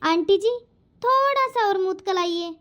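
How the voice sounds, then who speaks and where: A lisping young bride in a family cartoon, voiced by a woman, shy and eager to please. Her voice sits very high. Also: normal speed. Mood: timid. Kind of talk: cartoon voice acting.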